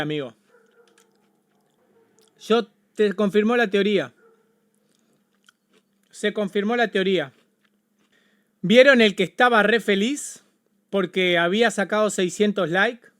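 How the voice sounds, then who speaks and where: A man with an Argentine accent reacting on a casual livestream, excitable and swearing, often repeating himself. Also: high-pitched. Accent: Argentine Spanish. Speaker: streamer.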